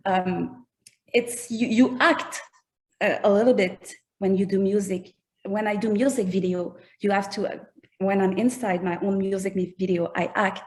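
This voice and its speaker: This woman, a musician whose native language is French, speaks English with a French accent as an interview guest in casual chat. She's thoughtful and searches for words, her mid-range, slightly mellow voice at normal speed with fairly even intonation.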